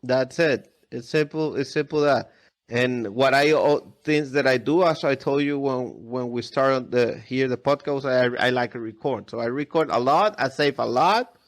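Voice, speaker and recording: A man's voice: mid-range voice, normal speed. A man chatting casually as a podcast guest in non-native English, often repeating words and restarting his phrases. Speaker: podcast guest, airsoft video creator. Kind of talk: casual interview chat.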